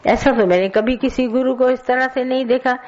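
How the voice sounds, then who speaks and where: A woman's voice: high-pitched, moderate pace, a little mellow, muffled recording. A woman giving a colloquial spiritual sermon, scolding and telling stories to her listeners. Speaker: spiritual teacher. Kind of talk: satsang sermon.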